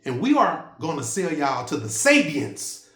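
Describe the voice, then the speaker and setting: A man delivering a fiery, rambling religious monologue, blunt and profane. His pitch swings up and down constantly. The voice rings out in a roomy, echoing space with faint music underneath. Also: wildly swooping pitch, unhurried, fairly bright tone. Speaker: self-styled preacher.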